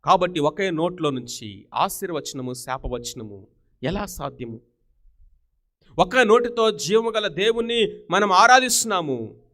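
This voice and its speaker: A man's voice: sits high, animated, measured pace, pauses often, fairly bright tone. A man preaching a sermon, asking his listeners rhetorical questions and mixing English words into his talk.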